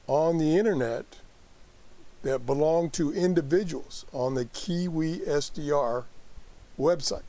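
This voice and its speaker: A man giving a casual live app tutorial as host, haltingly thinking aloud as he works through it. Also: fairly high pitch, dark tone. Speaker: host demonstrating a radio app.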